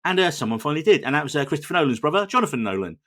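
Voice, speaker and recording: A man hosting a casual podcast chat, quick and chatty, swearing freely. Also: a little high, sing-song, fairly bright tone. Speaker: podcast host.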